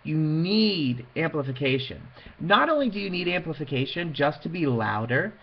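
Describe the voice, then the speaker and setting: A man with a fairly high, gravelly, husky voice gives an informal lecture to an audience on PA systems for wedding officiants. Very animated at a moderate pace, he's conversational and emphatic, acting out quoted asides to illustrate his points. The recording is muffled.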